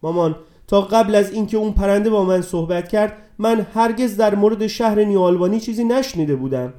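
A man reading a storybook, voicing an excited three-year-old boy who pleads with his mother. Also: close to an everyday voice. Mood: eager, pleading. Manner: high, eager and pleading.

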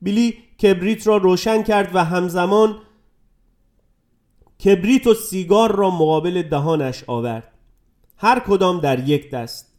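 A man narrating a story in a measured, dramatic reading style. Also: high-pitched, darkish tone.

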